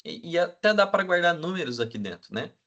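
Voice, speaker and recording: A man teaching a class, checking in with the students all the time and filling pauses with hesitant sounds. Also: on the high side, very animated, fairly bright tone, lo-fi sound. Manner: asks the class for agreement constantly; fills with "né?" and hesitant "é". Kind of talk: classroom lecture.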